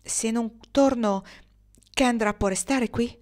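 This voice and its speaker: A woman's voice: a little high, slow pace, darkish tone, voice pushed up. A woman voicing Hiram, a determined, earnest frontier man in love, in a storybook reading.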